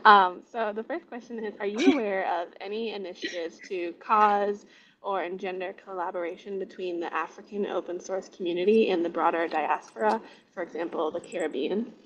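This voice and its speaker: A woman's voice: medium pitch, moderate pace, fairly bright tone. A woman moderating a casual Q&A over a video call with a bad, patchy internet connection. She talks in a chatty way, with many ums and likes. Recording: dull lo-fi call audio with faint noise.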